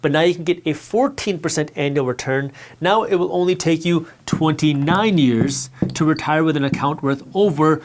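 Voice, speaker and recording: A man's voice: on the high side, moderate pace, hardly any pauses, background noise. A man teaching personal finance straight to camera, emphatic and repetitive as he hammers his key points. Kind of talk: direct-to-camera explainer.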